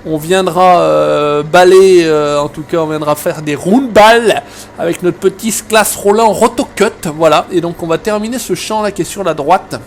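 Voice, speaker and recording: A man's voice: sits high, normal speed, vocal fry, a little hiss or hum. Chatty man rambling over a farming game. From Savoie, France. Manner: rambling, joking, many fillers and restarts. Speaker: gaming video host. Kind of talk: casual let's-play chat. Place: at home.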